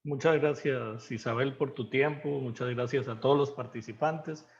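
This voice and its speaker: A man's voice: medium pitch, steady tone, moderate pace, gravelly. A man, the organizer of an online discussion, closing the event in a friendly, informal way over a video call. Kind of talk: casual closing remarks. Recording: muffled call audio.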